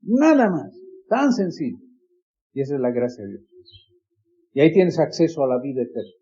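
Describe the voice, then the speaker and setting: A man's voice: medium pitch, sing-song, moderate pace, warm tone, muffled recording. A man preaching a sermon in an earnest, pleading manner, with many repetitions.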